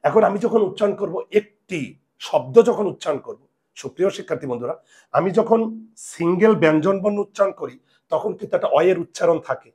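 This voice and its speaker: A man's voice: fairly high pitch, expressive, fast talker, darkish tone. A man teaching a grammar lesson to students, emphatic and repeating key points. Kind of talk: classroom-style video lesson.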